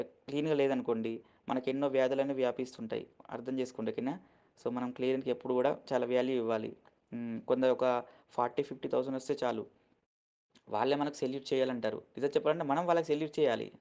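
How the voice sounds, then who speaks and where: A man's voice: mid-range voice, dark tone, muffled recording. A man teaching English vocabulary in Telugu, spelling each word letter by letter and keeping on asking his listeners if they follow. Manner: keeps asking "okay?" after each point, spells words letter by letter; earnest, gets emotional while lecturing. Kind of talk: casual lesson explaining words in Telugu.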